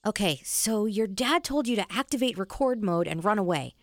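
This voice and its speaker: A woman voicing a sensible young boy in a family audio drama, calmly explaining things. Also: mid-range voice, normal speed, no room sound, studio quality, close to an everyday voice. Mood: patient. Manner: calm, explains things gently.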